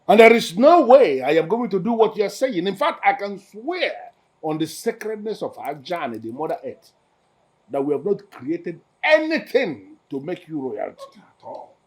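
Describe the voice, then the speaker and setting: An actor with a Nigerian accent playing a solemn village elder who lectures and insists. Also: male voice, high-pitched, big pitch swings, moderate pace, darkish tone. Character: solemn older male elder of the council.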